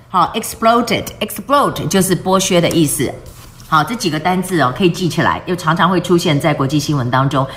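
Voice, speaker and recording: Woman, lowish voice, English teacher, spells out words, asks and answers her own questions, mixes Mandarin and English. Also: a little hiss or hum. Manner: switches between Mandarin and English mid-sentence. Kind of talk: news-based vocabulary lesson.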